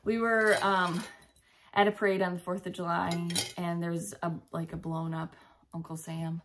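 A woman co-hosting a cross-stitch video show, chatting casually and running through a list of giveaway prizes, upbeat and quick to laugh. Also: on the low side, flat delivery, background noise. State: out of breath.

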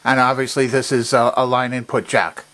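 In a workshop, standing at a workbench, a man gives a methodical, precise demonstration of how a vintage machine works. His medium-pitched voice is level, pushed and bright, at normal speed.

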